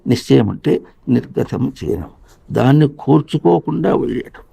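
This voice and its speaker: A man teaches in a spiritual discourse, his voice deeply gravelly and dark in tone. He draws song lines out slowly in a chant and keeps asking his listeners rhetorical questions. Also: expressive.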